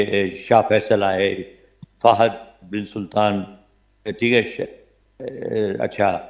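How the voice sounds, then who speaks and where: An older man from Pakistan, a veteran radio commentator, telling animated stories as an interview guest and often checking that his listener follows. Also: lowish voice. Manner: animated anecdotes, frequent "theek hai na?" check-ins. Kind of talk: reminiscing interview storytelling. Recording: dull lo-fi broadcast audio.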